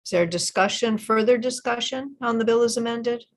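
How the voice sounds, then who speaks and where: A woman's voice: fairly high pitch, normal speed. American woman chair calling ayes and noes votes. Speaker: committee chair. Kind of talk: procedural meeting talk.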